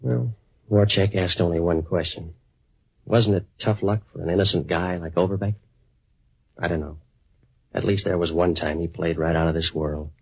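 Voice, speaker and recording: An actor playing a wisecracking American private eye in a 1940s radio noir, deadpan and clipped. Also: male voice, low-pitched, normal speed, gravelly, pauses often, slightly rough, no room sound, heavily acted. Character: hard-boiled wisecracking male waterfront private eye. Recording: dry, muffled 1940s radio recording.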